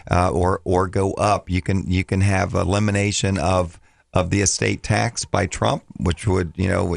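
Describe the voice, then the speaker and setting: Scratchy, gravelly low-voiced man, slightly hoarse. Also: no echo. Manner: rambling, repeats and restarts phrases. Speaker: financial coach, show regular. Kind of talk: casual radio talk.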